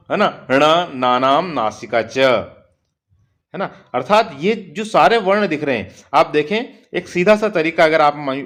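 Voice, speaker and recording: A man teaching a Sanskrit lesson, reciting sutras slowly and checking in with "है ना" again and again. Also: on the high side. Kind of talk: explanatory online lesson.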